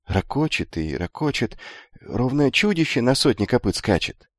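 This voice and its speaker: A man performs a timid, hesitant, naive teenage boy in a medium-pitched, sing-song voice at a moderate pace. The voice is natural but pitched above his own, in a dry, studio-quality recording.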